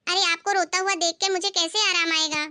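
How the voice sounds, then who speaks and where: A woman's voice: extremely high pitch, fairly even intonation, fairly quick, bright, forceful tone, no echo, studio quality, exaggerated voice. A woman voicing a kind young married woman who talks with concerned insistence in a cartoon story. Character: kind caring young married sister-in-law.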